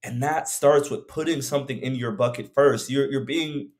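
A man's voice: mid-range voice, normal speed. A young man, a fitness coach co-hosting a podcast over a video call, talking in a reflective, rambling way with many fillers. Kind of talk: casual podcast conversation. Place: room at home.

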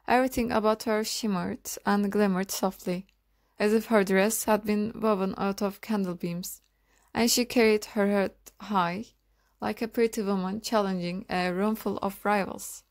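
A woman narrating a classic novel as an audiobook, reading in a measured, literary manner. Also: medium pitch, steady tone. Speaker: audiobook reader.

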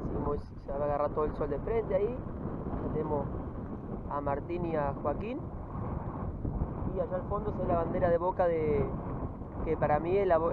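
High-voiced Argentine fishing host, windy outdoors. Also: male voice, narrow, tinny audio. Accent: Argentine Spanish. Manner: chatty, upbeat, addresses viewers. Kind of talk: casual outdoor commentary.

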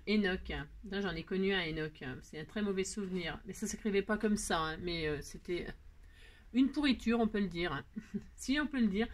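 A woman crafting vlogger chatting casually while she unboxes gifts. She talks in a chatty, exclamatory way, laughs often and keeps adding little tag words. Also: medium pitch.

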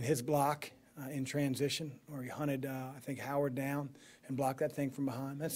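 A man's voice: medium pitch, a little mellow. Man coaching, answering postgame questions at a podium. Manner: measured, thinking aloud with many fillers and restarts. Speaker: basketball head coach. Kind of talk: postgame press conference answers. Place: press room in front of a sponsor backdrop. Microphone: podium microphone.

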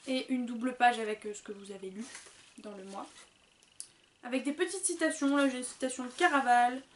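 An excitable young woman from France chats through an unboxing in a high, bright voice. She is loose, chatty and quick to swear. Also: slight background noise. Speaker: booktuber. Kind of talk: casual unboxing chat.

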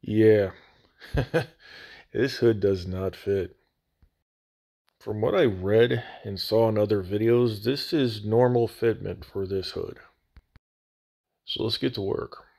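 A relaxed, plain-spoken man narrating a step-by-step hobby tutorial, his voice echoey because of a damaged microphone. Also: fairly low pitch, slow, vocal fry, long pauses. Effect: echoey sound from a damaged phone mic. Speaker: scale model builder.

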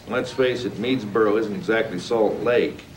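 A middle-aged actor playing a genial, self-deprecating school principal who chats easily. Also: male voice, on the low side, moderate pace, a little hiss or hum, close to an everyday voice, poor audio. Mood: amiable.

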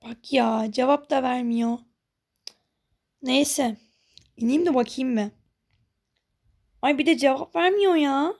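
A woman voicing a worried middle-aged mother who calls out loudly and fusses. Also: fairly high pitch, steady tone, slow, long pauses, husky, full character voice. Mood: puzzled.

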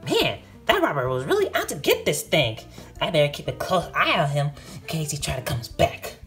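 Feisty young girl guard , a woman voicing her, bouncy, yelps when angry, very wide pitch swings. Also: very animated, fairly quick, soft background music. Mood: playful. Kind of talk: amateur toy-movie voice acting.

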